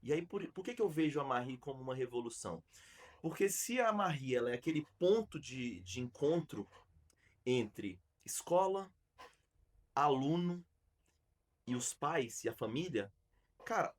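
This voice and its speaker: A man's voice: a little high, sing-song, normal speed. A man with a Brazilian Portuguese accent, hosting a podcast as an arts school founder, telling stories emphatically with frequent restarts. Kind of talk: casual podcast chat.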